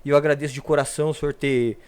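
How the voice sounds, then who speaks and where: A man's voice: a little high, fairly even intonation, very fast, a little mellow, clean tone. A man from Paraná hosting a church podcast, rambling and repeating words, respectful toward his guest. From Paraná, Brazil. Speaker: podcast host.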